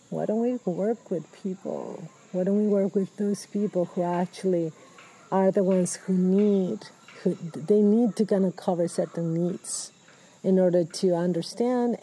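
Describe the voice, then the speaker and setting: Peruvian woman in her fifties, dark voice. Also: fairly low pitch, low-quality recording. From Peru. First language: Spanish. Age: 50s. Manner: thoughtful, halting, many restarts and fillers. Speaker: ecologist guest. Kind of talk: interview recorded outdoors. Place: outdoors in the rainforest. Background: birds, people, general activity.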